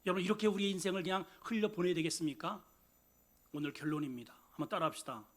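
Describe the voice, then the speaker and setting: A male pastor preaching a sermon in an animated, emphatic way, with humorous asides to the congregation. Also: high voice, fast.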